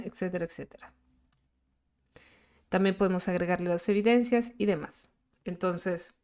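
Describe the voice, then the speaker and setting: A woman's voice: on the low side, darkish tone, smooth. Patient woman teacher. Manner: patient, explanatory, many fillers and pauses. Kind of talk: screen-recorded lesson.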